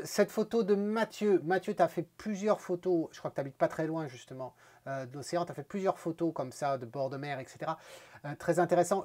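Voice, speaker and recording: Guy going through contest photos, animated, lots of euh and repeats, teasing scolds. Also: on the high side. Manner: animated, frequent fillers and repeated words; teasing, mock-angry scolding. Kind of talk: casual photo critique.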